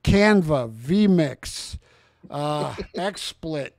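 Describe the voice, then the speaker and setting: A man's voice: a little high, animated, extremely slow, gravelly, darkish tone, no room sound. A man of sixty hosting a casual, rambling chat with a guest. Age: 60s. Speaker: host.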